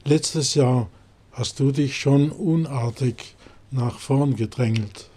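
A man's voice: mid-range voice, slow, mellow. A man voicing an accusing, resentful sheep from the flock in a storybook nativity crib.

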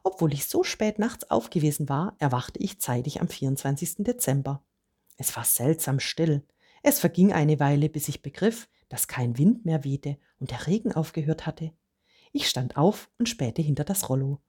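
A woman reading a first-person storybook aloud with calm, measured narration. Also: sits low, slightly rough.

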